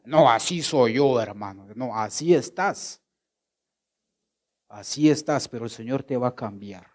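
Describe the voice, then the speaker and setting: A male preacher leads a devotional sermon at a mid-range pitch. He keeps asking the listener questions and then answers them himself. His delivery swings between loud exclamations and low, hushed phrases. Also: lively intonation, unhurried.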